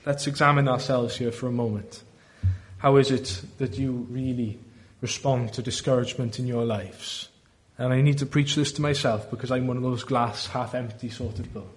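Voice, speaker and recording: A man with a Welsh Valleys accent preaching a sermon in an earnest, deliberate way, often posing rhetorical questions. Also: medium pitch, fairly even intonation. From South Wales valleys.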